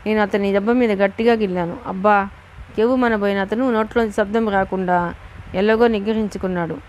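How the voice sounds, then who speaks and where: A woman reading a novel aloud as an audiobook narrator in steady, expressive first-person narration. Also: medium pitch, quick pace, muffled recording, slight background noise.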